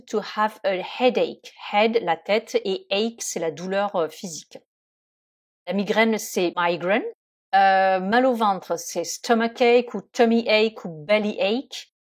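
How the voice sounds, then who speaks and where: A woman teaching English vocabulary in French, saying each word slowly and carefully, with hesitant fillers between explanations. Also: medium pitch. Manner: slow and deliberate, pronouncing English words carefully with pauses and fillers.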